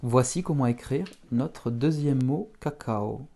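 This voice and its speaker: A man teaching beginners to write letters, talking them slowly through each stroke. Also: mid-range voice, dark tone. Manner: slow, step-by-step instruction. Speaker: Russian teacher. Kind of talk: handwriting lesson for beginners.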